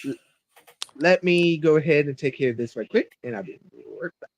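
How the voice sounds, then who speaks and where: A man hosting a casual live stream, talking in a halting way with many fillers and restarts. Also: on the high side, slight background noise. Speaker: streamer host.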